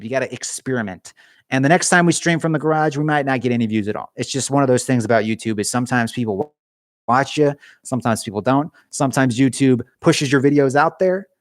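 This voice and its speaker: Here a young man's voice, medium in pitch, comes through clean studio audio with no echo. He's casually rambling and joking with viewers on a garage live stream, and his voice is going hoarse.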